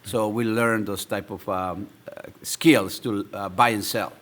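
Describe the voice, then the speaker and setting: Man, 50s, enthusiastic storyteller, lowish voice. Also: fairly even intonation, a little slow. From El Salvador. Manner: warm, enthusiastic storytelling with many fillers. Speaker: guest business owner. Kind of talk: casual interview.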